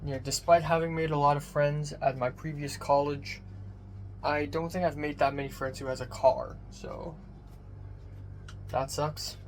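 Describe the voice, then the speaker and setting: A young man rambling through a casual personal vlog, swearing casually, his voice thin with no bass on a phone microphone. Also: steady tone, a little slow. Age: young adult. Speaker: vlogger. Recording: thin bassless phone mic, background noise.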